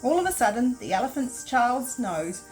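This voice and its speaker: Woman, New Zealand accent, storytime reader for toddlers; lively melody, faint music bed. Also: fairly high pitch, normal speed, rough recording. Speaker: children's librarian. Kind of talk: storytime read-aloud.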